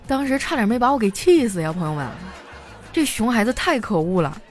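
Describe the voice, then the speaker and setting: A young woman comedian telling funny anecdotes in a chatty, animated stand-up style. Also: a little high, brisk, soft background music. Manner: animated storytelling, chatty filler particles.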